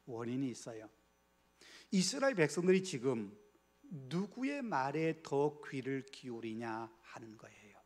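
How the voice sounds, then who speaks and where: A man's voice: medium pitch, darkish tone. A man preaching a Bible study sermon as pastor in a church, earnest and asking the congregation rhetorical questions, sometimes dropping to a near whisper.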